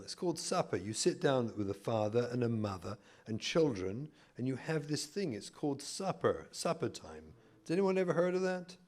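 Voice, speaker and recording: In a mid-range voice, a middle-aged English-accented rabbi from England delivers a humorous talk in a community hall, spinning stories with mock-indignant asides for the audience.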